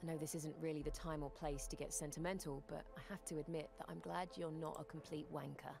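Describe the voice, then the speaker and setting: A woman playing a tough, guarded young monster hunter in a visual novel, blunt and gruffly sincere. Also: low voice, little pitch movement, fast. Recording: music behind the voice.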